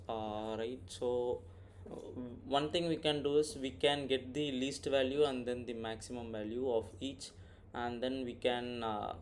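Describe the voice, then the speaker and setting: A man with a mid-range, slightly mellow voice talks through an informal screen-recorded coding tutorial, thinking aloud and frequently adding "right?" to check in. Keyboard typing and background noise are clearly audible.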